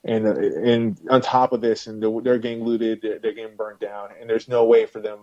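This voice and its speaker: Mellow-voiced man hosting a podcast. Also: lowish voice, level tone, moderate pace, no echo. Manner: rambling, many restarts and fillers. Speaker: podcast host. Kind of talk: casual podcast discussion. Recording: dull dry lo-fi audio.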